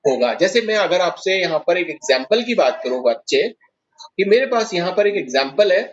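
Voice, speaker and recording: A man's voice: sits high, very animated, normal speed, highs cut off. A man teaching chemistry in a classroom lecture, explaining step by step and putting questions to his students.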